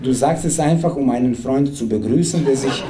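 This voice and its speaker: Reading from his own comic book before a live club audience, the thirtysomething Serbian author speaks a little fast in a mid-range voice, with playful dryness. He uses a stand mic at a table, and the roomy venue carries crowd noise and laughter.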